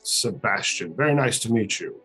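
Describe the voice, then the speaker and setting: A man's voice: lowish voice, animated, normal speed, pushed and bright, slightly rough, faint music behind. A man playing a tabletop game, speaking in casual banter.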